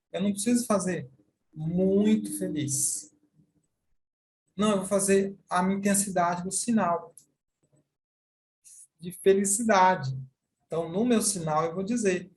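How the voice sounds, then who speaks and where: His voice sits high as this man, who has a Brazilian Portuguese accent, teaches sign language, going through his explanations deliberately and repeating examples.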